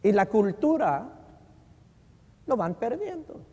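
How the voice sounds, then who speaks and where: A male pastor preaching a sermon in Spanish, mixing in English phrases and drawing words out slowly for emphasis. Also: high voice, sing-song, mellow, husky. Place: church sanctuary. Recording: long reverb of a church hall.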